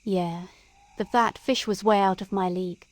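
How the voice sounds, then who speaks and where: A woman's voice: medium pitch, fairly even intonation, moderate pace. A woman streaming a game, chatting casually in a playful, silly, sing-song way.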